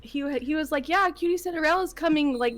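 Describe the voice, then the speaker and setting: A woman's voice: sits high, quick pace, fairly bright tone. A woman in her late twenties, a podcast guest chatting casually, giggling often and leaning on lots of fillers. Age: 20s. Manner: giggly, filler-heavy storytelling. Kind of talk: casual chat.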